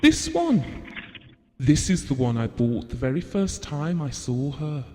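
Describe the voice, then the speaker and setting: In a theatrical audio drama of monologue and dialogue, a man plays a devoted middle-aged husband, tenderly and wistfully reminiscing with fond feeling. His fairly high voice swoops wildly in pitch at an unhurried pace. There's background noise and a long, hall-like reverb.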